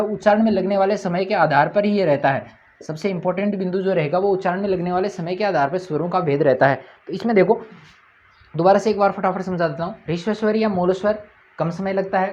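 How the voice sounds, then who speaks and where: A man's voice: sits high, darkish tone, dull audio. A man teaching a grammar lesson at a board. He keeps asking his own questions, answers them, and repeats each point.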